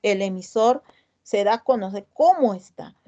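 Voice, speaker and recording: A woman's voice: medium pitch, lively intonation, moderate pace, warm tone, dull audio. Woman teacher explaining patiently. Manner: explains step by step, repeating key terms and asking the class questions. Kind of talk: online class lecture.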